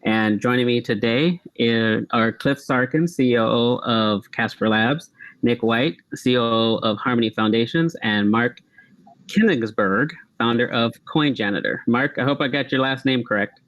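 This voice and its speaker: A man's voice: medium pitch, moderate pace, a bit bright, no room sound, rough recording. A man moderating an online panel. He speaks in a friendly, chatty way and laughs easily.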